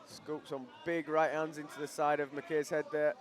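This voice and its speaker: A man giving measured, conversational live commentary and analysis of a fight. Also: fairly high pitch, level tone, a crowd in the background.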